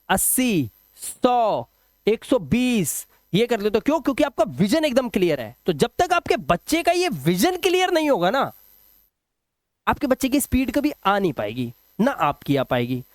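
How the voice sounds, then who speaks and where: High-voiced man teaching phonics. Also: dry recording, clean studio sound. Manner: patient, repeats example words slowly, quizzes the viewer. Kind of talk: explaining phonics rules in a video lesson.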